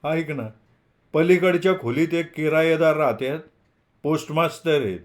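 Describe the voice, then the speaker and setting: A man's voice: fairly high pitch, normal speed, voice pushed up, natural voice. A man doing a shy nervous young student. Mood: hesitant, eager. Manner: raised, hushed, hesitant. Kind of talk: storytelling reading of a novel.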